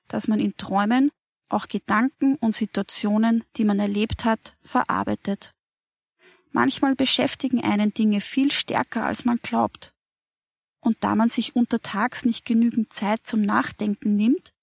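A woman reading a calm, gentle mother. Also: on the high side, vocal fry, husky, no echo, studio quality, heavily acted. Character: kind, calm mother comforting a child.

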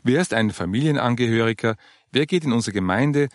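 A man reading the part of a calm older churchgoing woman who patiently explains her funeral plans. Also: medium pitch, brisk, no echo, studio quality, lightly acted. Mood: explaining.

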